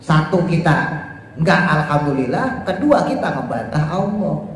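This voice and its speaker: Man preaching tafsir lesson, high voice, booming hall echo, faint noise. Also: expressive, measured pace. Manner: reads Arabic text then explains it in casual Indonesian, acting out parents scolding. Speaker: Islamic teacher giving tafsir lesson. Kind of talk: religious study lecture.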